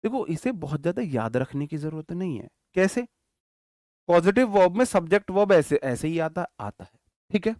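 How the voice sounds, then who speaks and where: Male grammar teacher, fairly high pitch, patient dictation, frequent check-ins, dry studio sound. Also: sing-song, darkish tone, no room sound. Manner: slowly dictates example sentences word by word; checks in often with the class. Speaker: English teacher. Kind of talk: online grammar lesson.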